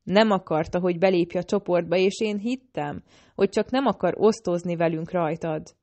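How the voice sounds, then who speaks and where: A woman reading the part of a scheming male assassin in an audiobook, speaking in a low, urgent, persuasive way. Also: a little mellow, close to an everyday voice. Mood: probing.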